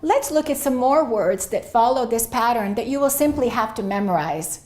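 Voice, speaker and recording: A middle-aged woman teaching English pronunciation, speaking clearly and deliberately as she models words for her students to repeat. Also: fairly high pitch, animated, darkish tone.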